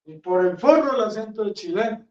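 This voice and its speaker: A man's voice: high-pitched, animated, fairly quick, darkish tone. A man, a friar, preaching a homily in a blunt, rambling, conversational way. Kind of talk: sermon. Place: chapel. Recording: roomy, distant, dull sound.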